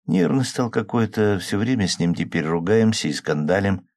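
A man's voice: lowish voice, lively intonation, moderate pace, gravelly, darkish tone, dry recording. A man voicing an upset young woman who sighs and pleads plaintively, in an audiobook. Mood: confiding. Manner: plaintive, sighing. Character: upset young woman, worried about her drinking man.

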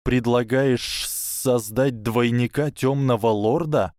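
A man's voice: mid-range voice, steady tone, slow pace, darkish tone, no echo, studio quality, voice pushed up, natural voice. Man playing a guarded, hissing young wizard. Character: clever wary young male wizard.

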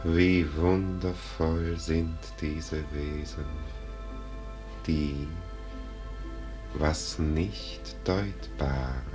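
Solemn, majestic Death spirit, extremely deep, very slow, old radio verse play over music. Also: male voice, full character voice. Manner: measured, solemn, declamatory. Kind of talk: vintage German radio verse drama acting.

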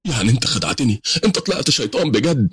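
A man's voice: fairly low pitch, lively intonation, rapid-fire, breathy edge, voice pushed up. A man with an Egyptian accent voicing a desperate, remorseful young husband who speaks in a pleading, emotional way. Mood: outraged.

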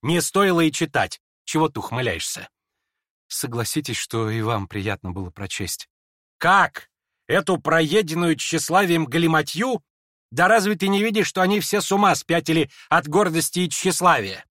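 A man voicing a hot-tempered, proud older noblewoman who scolds in shrill, impetuous outbursts in a dramatized audiobook reading. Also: animated, normal speed, no room sound, clean studio sound, natural voice. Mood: indignant.

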